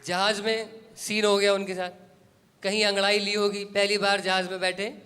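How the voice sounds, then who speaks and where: A man's voice: high voice, level tone, normal speed, sharp tone, in a large hall, a faint crowd, slight background noise. A male stand-up comedian telling stories and rattling off long lists in one breath. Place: comedy show stage.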